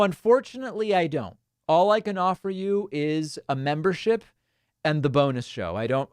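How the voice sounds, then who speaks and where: An American man chats casually as a livestream host and commentator. His voice sits at a medium pitch, in a very dry recording with no room sound. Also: no room sound. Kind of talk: casual live stream chat and commentary.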